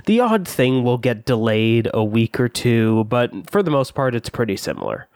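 A man's voice: medium pitch, very animated, moderate pace, darkish tone, clean tone, dry recording, studio quality. Wry man co-hosting a podcast. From Canada. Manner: wry, joking. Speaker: podcast co-host. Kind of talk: casual podcast chat.

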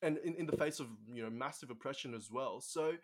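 A man's voice: mid-range voice, a little fast. A young man hosting a casual chat, full of hesitations, restarts and agreeing "yeah"s. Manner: many hesitations and affirmations.

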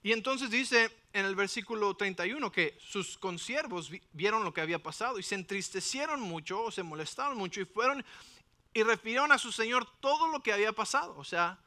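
A man preaching a sermon in an animated way, with frequent rhetorical questions to the congregation. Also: sits high, a little fast. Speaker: pastor.

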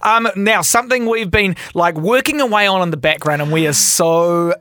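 A woman's voice: fairly low pitch, normal speed, a bit bright, dry recording, studio quality. A woman hosting a podcast in casual chat, informal and exclamatory with some swearing. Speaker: podcast host.

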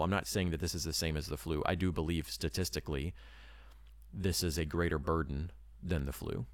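A man's voice: low voice, no room sound, studio quality. A man talking casually with his wife about moving abroad as a missionary, rambling and earnest, full of hedges and "you know.". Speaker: missionary preparing to move abroad. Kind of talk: casual talk to camera.

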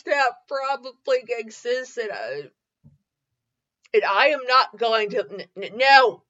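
A podcast host with a fairly high, bright, forceful voice gives a comedic dramatic reading of fan fiction. She giggles, trips over her words, and keeps breaking off to comment. The lo-fi recording sounds slightly dull.

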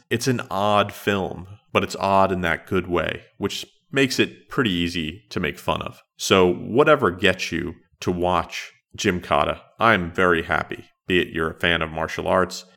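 A middle-aged man hosting a solo retro podcast in a measured, conversational, matter-of-fact way. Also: deep voice, pushed and bright. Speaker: podcast host.

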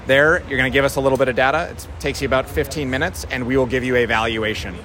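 Male company rep, North Dakota accent, rapid explanatory interview delivery, busy crowd and vehicle noise outdoors. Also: mid-range voice, steady tone. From North Dakota, USA. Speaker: company representative being interviewed. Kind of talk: conversational pitch in an interview. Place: outdoors at a busy farm trade show.

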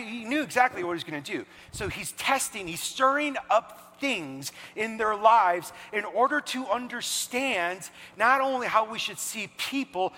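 A man delivers a conversational sermon, animated and quick to act out the people in his story. His voice sits high and sounds bright and forward, and it rings out with the long reverb of a large hall. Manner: animated, conversational preaching with acted-out dialogue. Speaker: pastor. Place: church hall.

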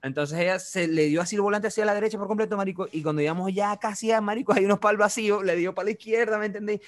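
Young Venezuelan man, casual storyteller, quick and slightly high-voiced, animated with sound effects. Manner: animated, with vivid sound effects and constant slang fillers. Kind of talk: casual chat.

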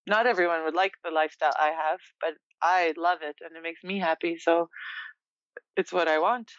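This is a young woman born in Poland, chatting as an interview guest with a smooth, resonant, lowish voice. She is reflective and quick to laugh. The sound is dull and lo-fi. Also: no room sound. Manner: relaxed, reflective, laughs often. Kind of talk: casual interview chat.

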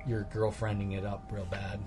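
A man's voice: on the low side, completely flat delivery, normal speed. A man narrating as game master, improvising loosely with fillers. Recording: background music.

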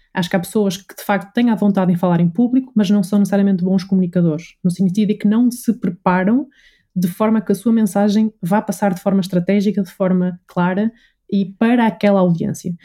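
A woman with a European Portuguese accent, a voice and communication coach, gives conversational explanations as an interview guest. Her mid-range voice is mellow, and she is articulate, often listing her points.

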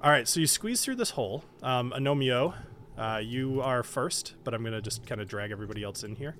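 A man running a tabletop game as game master, describing scenes in a relaxed way with many fillers, over an online call. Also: mid-range voice, brisk, slight background noise.

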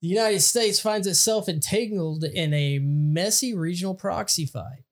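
A man's voice: high-pitched, normal speed. A man co-hosting a podcast, reading out news items and adding sardonic remarks in casual political commentary. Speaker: podcast co-host.

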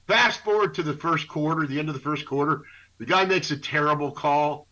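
A man co-hosting a radio show, ranting casually about sports in an animated, indignant, rambling way. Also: a little high, brisk. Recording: dull lo-fi internet radio.

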